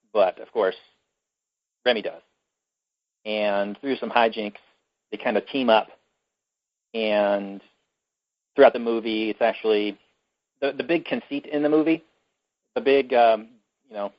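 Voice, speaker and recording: A man's voice: fairly low pitch, dry recording, dull audio. A man co-hosting a podcast, retelling a film plot in casual chat with many fillers and restarts. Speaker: podcast co-host.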